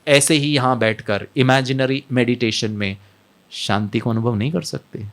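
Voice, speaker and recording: Gravelly man giving a lively talk. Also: mid-range voice, normal speed. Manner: mixes Hindi and English, asks the audience questions, acts out scenes. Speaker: spiritual speaker. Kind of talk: lively motivational talk to an audience.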